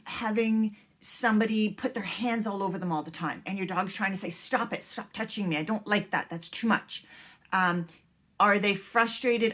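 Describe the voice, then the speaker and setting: A woman's voice: mid-range voice, fairly bright tone. A woman dog trainer talking casually to puppy owners, reassuring and repeating her points with filler words. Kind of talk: casual instructional talk.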